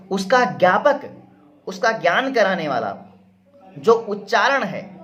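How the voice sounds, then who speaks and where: A man teaching Sanskrit grammar in a lecture, explaining patiently with many repetitions and rhetorical questions. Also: sits high. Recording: dull lo-fi sound.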